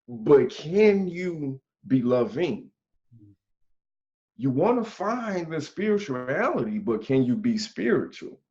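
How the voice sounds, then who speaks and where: A forty-year-old man co-hosting a podcast, speaking earnestly in casual conversation and thinking aloud as he goes. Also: medium pitch. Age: 40s. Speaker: podcast co-host. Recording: dull lo-fi sound.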